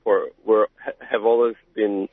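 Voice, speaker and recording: A man from Albania calling into a radio show, speaking haltingly with many fillers. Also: lowish voice, little pitch movement, dry recording. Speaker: caller. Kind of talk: call-in radio talk. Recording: tinny phone line on the radio.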